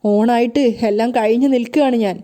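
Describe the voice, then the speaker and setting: Woman voicing a sorrowful, bitter mother, high-pitched. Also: brisk, dark tone, lightly acted. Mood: sad. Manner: sad, bitter. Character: grieving bitter middle-aged mother.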